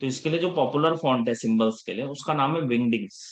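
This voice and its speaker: A man's voice: mid-range voice, quick pace. Hindi-speaking man teaching a casual class. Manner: casual Hinglish teaching, checks in often with the class; scolds students about attendance. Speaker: instructor. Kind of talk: live class lecture.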